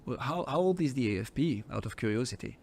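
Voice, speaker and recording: A man's voice: medium pitch, expressive, fast, creaky, a little mellow, slightly rough. A man with a French accent hosting an interview podcast, casual and upbeat, with eager interjections. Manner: friendly, enthusiastic interjections. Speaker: podcast host.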